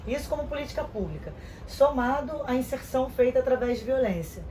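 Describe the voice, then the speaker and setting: A woman's voice: high-pitched, expressive, mellow, slight background noise, low-quality recording. Earnest woman in her thirties. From Rio de Janeiro, Brazil. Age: 30s. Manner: earnest, measured, with hesitant restarts. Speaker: interview guest. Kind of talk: reflective interview answers.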